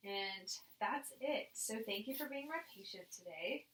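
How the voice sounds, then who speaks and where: A woman's voice: mid-range voice, expressive, measured pace, a bit bright, a little hiss or hum. A woman demonstrating a clinical exam, informally explaining each step and giving instructions to her patient. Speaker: examiner demonstrating a nursing head assessment on a patient.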